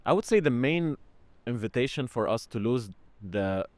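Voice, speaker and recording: A man reflects aloud in a podcast chat, his voice sitting in an ordinary middle pitch. He talks in a halting, searching way and restarts his phrases. The sound is dry and close, with no room around it. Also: expressive, a little mellow, no echo. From Syria. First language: Arabic. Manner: halting, searching for words, earnest. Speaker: podcast host.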